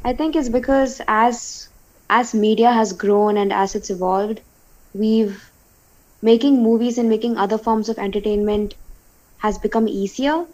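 Young woman from India, articulate co-host, slightly high voice, dull lo-fi recording. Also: steady tone, a little slow, darkish tone. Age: young adult. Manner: articulate, repeats words when restarting. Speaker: podcast co-host. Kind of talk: casual discussion.

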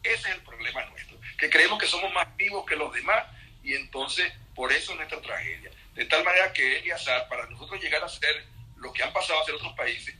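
A man speaking with a strikingly bright, forceful tone, his voice sitting somewhat high for a man. He tells stories with animation, slipping into the voices of the people he quotes. He joins the interview remotely, as over a call. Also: brisk, low-quality recording. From Venezuela. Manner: animated storyteller, acts out quotes. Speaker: interview guest. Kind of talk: conversational interview.

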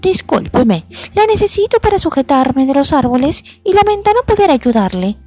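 A woman's voice: sits high, sing-song, normal speed, warm tone, no room sound, soft background music, voice pushed up. A woman voicing a courteous monkey who apologizes formally. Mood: regretful.

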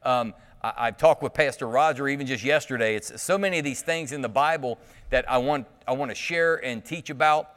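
Lively preacher at a pulpit mic. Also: male voice, medium pitch, brisk, hardly any pauses, clean tone. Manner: animated and joking, teasing the congregation, with frequent restarts. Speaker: pastor. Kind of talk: casual, conversational preaching. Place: church sanctuary. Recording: long church hall reverb.

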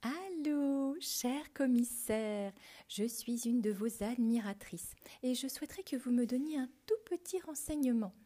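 A woman voicing a brave, clever teenage girl heroine in a storybook reading, brisk and self-assured. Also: a little high, mellow, pitched above the performer's own voice, natural voice. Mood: sugary.

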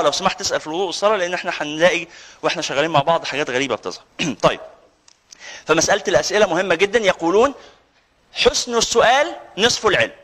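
Egyptian sheikh guy talking super fast to a lecture room, jokey, on a mic. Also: sits high, pushed and bright. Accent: Egyptian Arabic. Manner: joking, teasing his audience. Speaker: sheikh giving a lecture course. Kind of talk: live religious lecture with banter. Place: lecture room with a live audience. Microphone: handheld or stand mic, with some feedback whistle.

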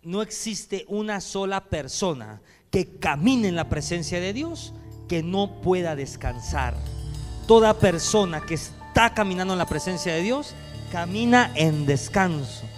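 A man preaching a sermon as pastor. He swings between loud preaching and hushed speech and speaks directly to the congregation. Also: high voice, animated, a little slow, long reverb tail, faint music behind. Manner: addresses the congregation directly with calls to respond. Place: church hall.

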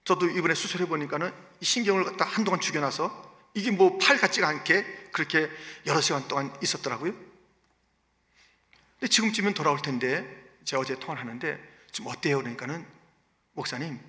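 A man preaching a sermon as pastor, swinging between loud, stirring lines and hushed, almost whispered storytelling. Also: a little high, quick pace. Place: church sanctuary. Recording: reverberant church hall.

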